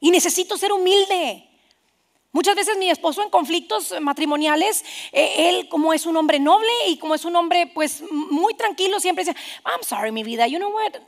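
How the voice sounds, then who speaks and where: Woman pastor, high voice, gravelly edge, animated sermon. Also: moderate pace. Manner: animated, quoting others in asides.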